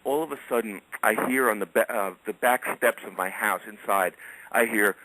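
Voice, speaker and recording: A man's voice: fairly low pitch, moderate pace, bright, forceful tone, dry recording, low-quality recording. A middle-aged man telling casual anecdotes as a radio guest, chatty and chuckling often.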